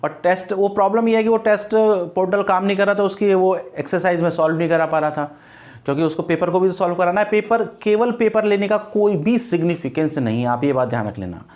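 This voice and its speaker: High-voiced man teaching grammar online. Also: fast, darkish tone. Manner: explains patiently, reassures students, spells words letter by letter; mixes English terms into his talk.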